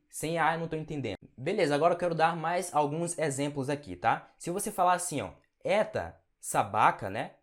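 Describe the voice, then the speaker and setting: A man gives a relaxed online language lesson at a mid-range pitch. He breaks words into syllables and repeats them slowly. He keeps checking in with short questions like "ok?". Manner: slows down and drills pronunciation, checking in with "né?" and "ok?". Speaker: language teacher.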